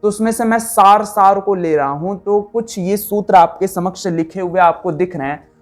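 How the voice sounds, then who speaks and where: A man teaching a spoken lesson, sounding out letters one by one and asking questions that he answers himself. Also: high voice. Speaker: Sanskrit teacher.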